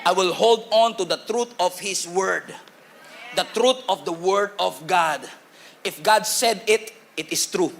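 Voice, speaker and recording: A man with a Filipino accent preaching a sermon in a church, animated and humorous, calling on the congregation to respond. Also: high-pitched. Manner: animated, humorous preaching with Taglish code-switching. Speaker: pastor.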